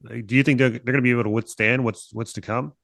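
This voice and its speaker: Male interviewer, quick short questions, dry close sound. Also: medium pitch, steady tone, creaky, a bit bright, no echo. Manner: brief quick questions and backchannels. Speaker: interview host.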